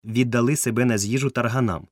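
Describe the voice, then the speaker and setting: A man voicing a polite, genteel lady who gently teases her cousin, recorded close and dry. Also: medium pitch, fairly even intonation, quick pace, no room sound, natural voice. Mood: courteous, teasing. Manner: gently teasing, courteous.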